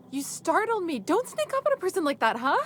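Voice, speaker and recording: A guarded, jumpy video game townswoman. Her voice is very high and swings widely as she speaks defensively. There is faint noise and ambience around her. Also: a bit bright, heavily acted. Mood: startled, defensive. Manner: startled, defensive.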